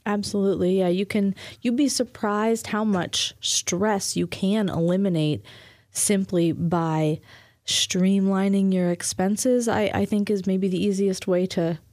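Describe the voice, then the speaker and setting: A woman talking through money advice in a relaxed, earnest conversation, often restarting her phrases as she explains. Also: mid-range voice, unhurried, dry recording, studio quality. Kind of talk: casual conversation.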